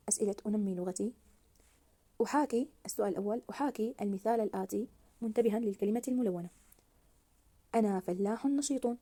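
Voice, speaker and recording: A woman teaching a grammar lesson to young children, slowly stretching out words as she models them and praising her pupils. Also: mid-range voice, warm tone.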